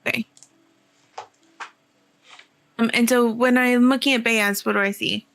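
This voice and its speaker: A woman's voice: a little high, steady tone, brisk, vocal fry, fairly bright tone. A woman playing in a tabletop game, speaking coolly and laconically. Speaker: player.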